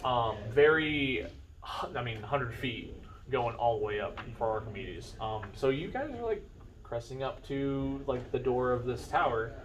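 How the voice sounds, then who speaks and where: A man improvising narration as game master of a tabletop fantasy game, in an informal, halting way as he pieces descriptions together. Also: medium pitch, animated, a little hiss or hum, rough recording.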